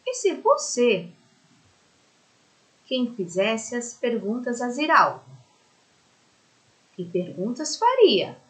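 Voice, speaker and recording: A woman's voice: fairly high pitch, a bit bright, low-quality recording. A Brazilian woman teaching a primary school lesson in a recorded remote class. She talks affectionately and explains step by step, often checking in with her pupils. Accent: Brazilian Portuguese.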